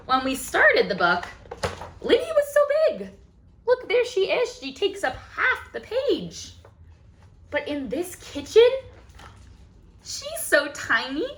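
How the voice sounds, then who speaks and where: A woman's high, fairly bright voice leads a children's storytime at the library. She reads a picture book aloud with feeling and sprinkles in questions and exclamations of wonder for her young listeners.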